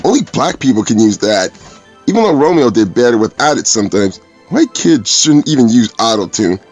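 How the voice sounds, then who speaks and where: Man, movie reviewer, sarcastic, profane, animated pitch, faint music underneath. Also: fairly quick. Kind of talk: casual review commentary.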